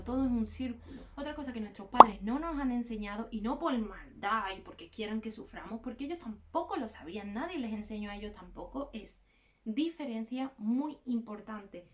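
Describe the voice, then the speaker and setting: A woman's voice: a little high, darkish tone. A young woman with a Peninsular Spanish accent giving direct, encouraging self-help advice to her viewers. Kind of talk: motivational advice talk.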